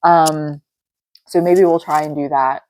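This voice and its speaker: Chatting solo from her dining room, this middle-aged podcast host wanders from point to point with lots of filler words. Her low, somewhat dark voice keeps a steady, unhurried tone and carries a touch of nasal congestion, though the audio quality is poor.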